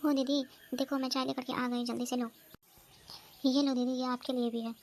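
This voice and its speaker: A woman's voice: high-pitched, level tone, normal speed, darkish tone, a little hiss or hum. A woman voicing an obedient youngest sister-in-law in a comedy cartoon, polite and eager to please.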